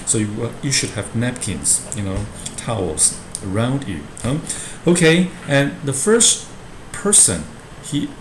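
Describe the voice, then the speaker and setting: This man speaks at medium pitch in a sing-song, slow manner with few pauses. Teaching Shakespeare at a university, he explains a play text to his students the way a professor would, often ending lines with short tag questions, and the audio carries a roomy echo plus clear background noise.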